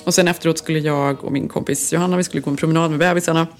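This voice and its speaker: A woman's voice: sits low, fairly even intonation, soft background music. A woman in her thirties co-hosting a casual chat, telling stories and acting out what others said. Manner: chatty storyteller, acts out others' lines. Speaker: podcast co-host.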